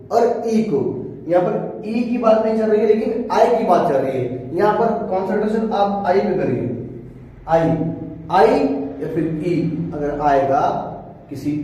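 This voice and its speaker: A man teaching English pronunciation in a classroom-style lesson, repeating words slowly and often saying "ठीक है" to check in. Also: high-pitched, dark tone. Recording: echoey room, mic far away.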